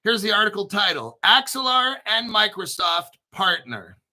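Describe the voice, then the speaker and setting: Sharp, gravelly, high-pitched excitable man. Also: normal speed, low-quality recording. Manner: excitable, swearing, sarcastic asides; frequent throat clearing. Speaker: crypto video host. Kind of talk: informal commentary reading through articles.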